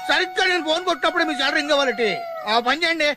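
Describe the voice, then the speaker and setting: A man's voice: extremely high pitch, racing. An actor playing a fussy, flustered man in a film comedy, pleading and rattling on. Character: fussy flustered man who lost his phone. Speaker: film comic character.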